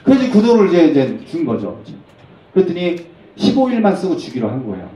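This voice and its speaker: A man preaching at a youth service, telling a family story with lively acted-out dialogue. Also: fairly high pitch, fairly quick, roomy sound, far from the mic, poor audio. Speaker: pastor. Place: church hall.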